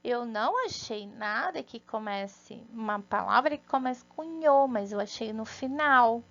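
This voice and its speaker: A woman's voice: a little high, expressive, measured pace, fairly bright tone, lo-fi sound. A Brazilian woman, a first-grade teacher, gives a recorded lesson to young children in a patient, sing-song way, often checking in with "né?" and "tá?". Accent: Brazilian Portuguese.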